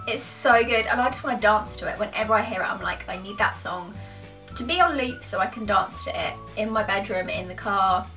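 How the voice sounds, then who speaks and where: Medium in pitch, a little fast and sharp, her voice is recorded from a distance with soft background music. She's a British woman in her twenties answering questions to camera as a YouTuber, rambling informally and joking at her own expense in a small furnished room at home.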